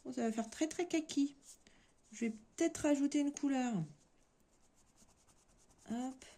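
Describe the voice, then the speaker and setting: A woman's voice: sits high, unhurried, dark tone. A woman with a French accent hosting a casual coloring-along, chatting and thinking aloud as she works. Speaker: coloring channel host.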